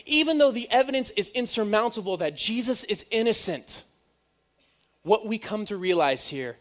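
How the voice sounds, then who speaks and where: A man preaching a sermon, telling the story in an animated way with joking asides. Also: high-pitched.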